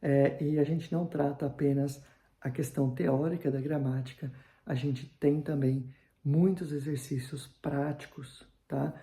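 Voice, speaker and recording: A man teaching a grammar lesson online, checking in constantly with his viewers and slowing right down to spell out example sentences. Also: medium pitch, warm tone, roomy sound. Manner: checks in with "tá?" after nearly every phrase, slows down for examples. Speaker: German teacher.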